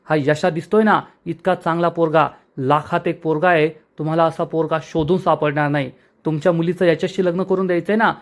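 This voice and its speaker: A man's voice: on the high side, close to an everyday voice. A man voicing a hot-tempered, defiant young village man in a spoken recap of a TV serial. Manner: angry, defiant.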